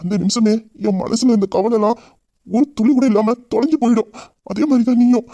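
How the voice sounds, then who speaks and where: A man's voice: very high-pitched, warm tone, no room sound, lo-fi sound. Man playing tender grieving husband. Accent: Tamil. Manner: intimate, heartfelt, rapid talk. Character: grieving young husband Veera, loving and tender. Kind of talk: romantic audio drama.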